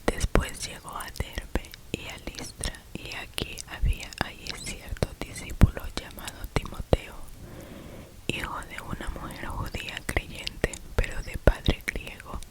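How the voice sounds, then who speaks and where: An ASMR reader whispers scripture through a cupped hand, mouth very close to the mic as if speaking into the listener's ear. The delivery is unhurried, and the audio quality is poor.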